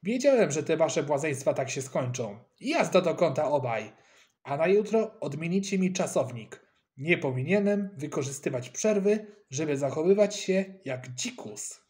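A man's voice: fairly high pitch, lively intonation, moderate pace, darkish tone, natural voice. A man voicing a stern adult school supervisor who scolds and gives orders. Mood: scolding.

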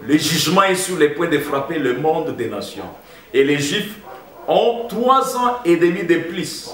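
A man's voice: fairly high pitch, lively intonation, measured pace, a bit bright. A man preaching a sermon as pastor, emphatic and addressing the congregation as brothers. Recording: roomy echo, heard from a distance.

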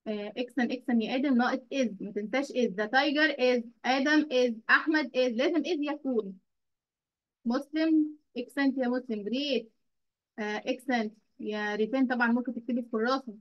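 A woman with an Egyptian Arabic accent teaching children English in an online class, praising them and drawing out English words slowly. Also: sits high, fairly even intonation, lo-fi sound.

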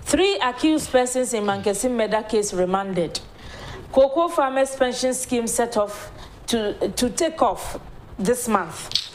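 A woman's voice: fairly high pitch, animated, slow pace, slight background noise. Ghanaian woman TV host reviewing papers. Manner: mixes languages freely, laughs often while talking. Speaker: TV show host. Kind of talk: newspaper review and casual chat. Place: small TV studio with large windows. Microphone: lapel mic.

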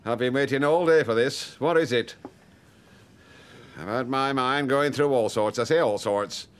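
A man's voice: medium pitch, measured pace, smooth, close to an everyday voice. A man in his sixties with a Northern English accent playing a kindly, humble father-in-law in a TV soap. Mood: eager, surprised. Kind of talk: naturalistic TV soap acting.

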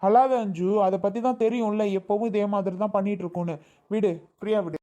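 A woman's voice: mid-range voice, steady tone, fairly quick, dark tone, close to an everyday voice. An exasperated young husband who defends his crying wife and scolds his sister, as played by a woman. The voice sits in the middle of the range, and the delivery is that of a family skit, scolding yet protective.

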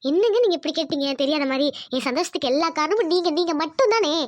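A woman's voice: extremely high pitch, animated, quick pace, no room sound. A woman voicing a sweet, coy young village wife, cooing and affectionate in a cartoon.

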